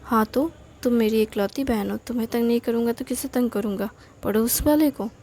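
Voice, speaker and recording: A woman's voice: fairly high pitch, a little fast, dark tone, a little hiss or hum, close to an everyday voice. A woman doing a teasing big brother. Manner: teasing, mock-stern. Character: teasing teenage older brother.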